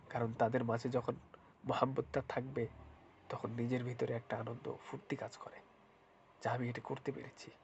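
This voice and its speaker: A man with a cold-blocked, congested nose gives an informal religious talk to viewers as a spiritual healer, including Quran recitation. His medium-pitched voice has vocal fry and a slightly rough texture, and he often repeats phrases and asks rhetorical questions. The recording sounds dull and lo-fi.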